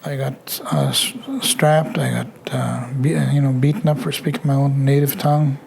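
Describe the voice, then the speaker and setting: A man in his sixties giving halting interview testimony, stopping and restarting as he speaks. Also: mid-range voice, creaky, a little mellow, a little hiss or hum. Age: 60s.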